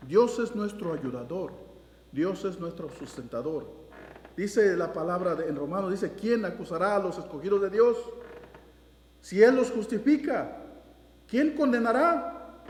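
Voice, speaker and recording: A male pastor preaching a sermon, restarting phrases often as he reads and quotes scripture. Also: high voice. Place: church sanctuary. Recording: roomy church with long reverb.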